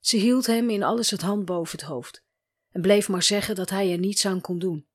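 A weary, guarded woman in an audio story, talking quietly and haltingly as she opens up to a counsellor, read by a woman narrator in her own voice. Her pitch sits in an ordinary middle range, and her tone is resigned rather than dramatic. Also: husky, natural voice. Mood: bitter.

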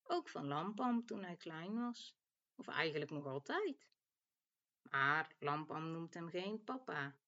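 Slow, expressive woman storyteller. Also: low voice, lo-fi sound. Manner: gentle, expressive reading. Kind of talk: reading a children's story aloud.

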